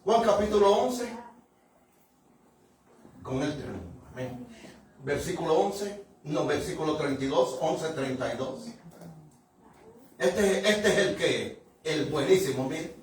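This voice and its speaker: A male pastor with a high voice preaches from the Bible in a loose, chatty way, chuckling and calling out to his listeners. He breaks into sudden shouts to drive points home. The sound is very echoey and distant, picked up from far across the church. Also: expressive, takes it slowly, pauses often, a little hiss or hum. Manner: conversational, often chuckling and calling out to the congregation; rises to sudden shouts for emphasis. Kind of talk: Bible-reading sermon. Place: church sanctuary. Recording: very echoey room, mic from afar.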